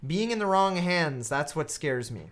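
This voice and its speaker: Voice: mid-range voice, lively intonation, a little slow, close to an everyday voice. A game streamer reading the lines of a defiant male nightclub owner in a wry, slightly raised voice.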